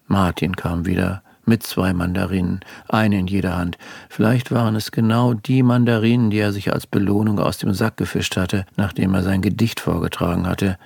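A man's voice: low-pitched, fairly even intonation, moderate pace, vocal fry, darkish tone, slightly rough, no echo. A man narrating a first-person story in a dry, wry tone. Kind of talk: audiobook storytelling. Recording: dry close studio recording.

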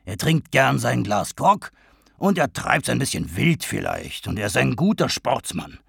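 Guy doing a loud blustery canvasser, gravelly and husky, swears a lot. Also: medium pitch, very animated, measured pace, no room sound, heavily acted. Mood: blustering. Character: blustering, hearty Irish canvasser, middle-aged man.

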